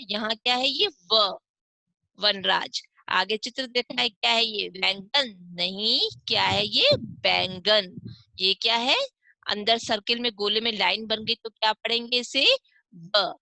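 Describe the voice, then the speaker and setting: A woman's voice: a little high, gravelly, bright, forceful tone, no room sound. A woman teaching a primary school class online. She asks questions and answers them herself, and stretches out each sound as she drills pronunciation.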